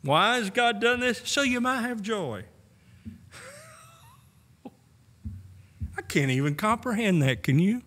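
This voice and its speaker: Bright-voiced older pastor preaching in a hall. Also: male voice, sits high, animated, takes it slowly, pauses often. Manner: earnest, with warm little laughs and rhetorical questions. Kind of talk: sermon. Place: church sanctuary. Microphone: pulpit microphone on a stand. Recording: long church hall reverb.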